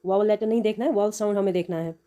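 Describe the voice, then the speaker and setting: A woman teaching English grammar, explaining in Hindi and reading each example sentence slowly and deliberately. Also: mid-range voice, dark tone.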